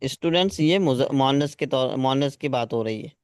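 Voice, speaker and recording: A man's voice: medium pitch, fairly quick, darkish tone, clear, resonant tone, dry recording, studio quality. A man teaching Arabic grammar. He repeats key words for his students. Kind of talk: classroom lesson, explaining grammar.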